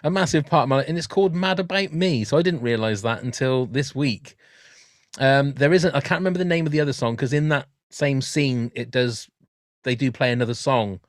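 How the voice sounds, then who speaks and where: A man hosts a casual podcast, chatty and quick to laugh. His voice sits at a middle pitch. The sound is dry and close. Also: no echo. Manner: chatty, laughs often, hums tunes. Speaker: podcast host. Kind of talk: casual chat.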